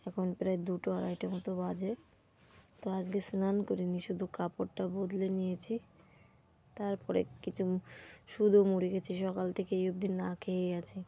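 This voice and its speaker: A woman's voice: fairly low pitch, completely flat delivery, normal speed, vocal fry, mellow. A young woman, talking in a casual daily vlog at home while she feels sick and has a sore throat. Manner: tired and unwell, talking through her day. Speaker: vlogger. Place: at home, indoors.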